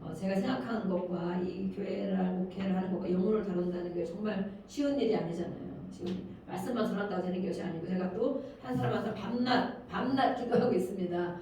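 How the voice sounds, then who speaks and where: Older woman pastor, earnest preaching that rises and falls; mellow voice heard from a distance in a reverberant hall with faint noise. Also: fast talker, few pauses. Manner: earnest, swells loud on key phrases then drops low. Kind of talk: sermon. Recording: very echoey room, speaker far from mic.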